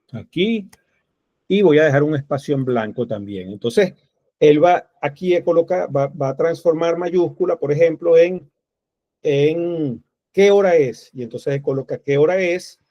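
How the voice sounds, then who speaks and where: A man's voice: fairly high pitch, dark tone, no echo. A man teaching a programming class, thinking aloud step by step while he types code. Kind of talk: screen-recorded coding tutorial. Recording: dull, lo-fi dry recording.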